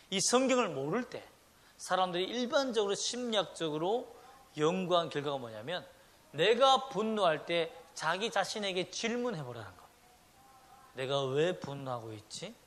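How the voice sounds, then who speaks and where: A middle-aged man preaching a Sunday sermon, swinging between loud emphatic lines and hushed ones. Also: on the high side. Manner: animated preaching with sudden loud and soft swings, acting out quoted voices. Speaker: pastor.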